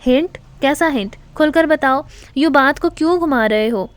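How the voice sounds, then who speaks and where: A quick-witted middle-aged wife who teases her husband and rolls her eyes at family squabbles, as a woman narrator plays her. The voice is fairly high and recorded dry and close. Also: no echo, natural voice. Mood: teasing.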